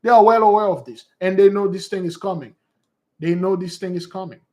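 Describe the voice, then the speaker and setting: Slightly fast and a little mellow, a man's somewhat high voice teaches loosely and off the cuff, circling back and repeating points. He speaks to his audience preacher-style as "beloved brothers and sisters."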